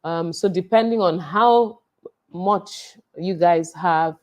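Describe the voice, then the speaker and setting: A woman's voice: fairly low pitch, slow pace. A woman in casual chat about marriage and money, plainspoken and practical. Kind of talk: casual relationship advice chat.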